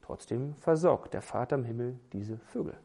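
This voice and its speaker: A man's voice: mid-range voice, lively intonation, moderate pace, gravelly, dark tone. A man preaching a sermon, emphatic, building lists and asking rhetorical questions.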